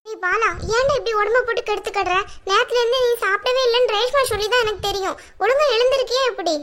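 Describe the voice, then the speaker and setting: A woman's voice: very high voice, fast, noisy background. A woman voicing a blunt middle-aged mother who scolds her son in a cartoon drama. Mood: scolding. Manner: scolding, bossy.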